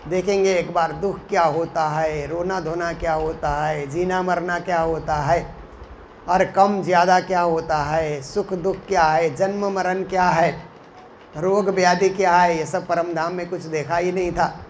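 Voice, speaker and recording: A man, a religious teacher, giving a spiritual discourse, who chants verses slowly and then explains them in flowing, repetitive phrases. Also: high voice, steady tone, slight background noise. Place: Mumbai.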